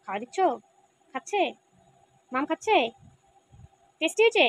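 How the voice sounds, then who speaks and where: A woman's voice: very high voice, big pitch swings, moderate pace, no room sound. A woman playing with a small child, using coaxing, sing-song baby talk full of questions. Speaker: caregiver playing with a toddler.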